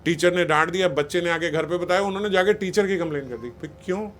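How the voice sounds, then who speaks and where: A man's voice: high-pitched, fast talker, fairly bright tone, slight background noise. Man giving a scolding talk on parenting. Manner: conversational and scolding, quoting parents and teachers. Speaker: spiritual speaker. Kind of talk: spiritual discourse on parenting.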